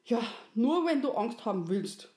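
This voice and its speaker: A woman's voice: a little high, big pitch swings, measured pace, warm tone, pitched above the performer's own voice. A woman voicing a kindly, wise creator woman, soothing and folksy. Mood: gentle. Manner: soothing, folksy, fond of dialect fillers. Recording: roomy echo.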